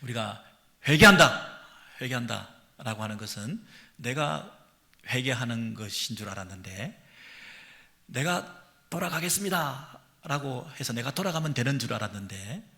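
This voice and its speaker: A male pastor preaching a sermon, who swings from hushed near-whispers to loud, pleading peaks. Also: mid-range voice, expressive, normal speed, creaky. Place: church sanctuary.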